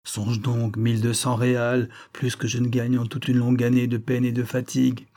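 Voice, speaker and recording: A man's voice: mid-range voice, completely flat delivery, normal speed, warm tone, close to an everyday voice. A man reading aloud and voicing an eager, boastful young fisherman who stresses his words. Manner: eager, stressing each syllable.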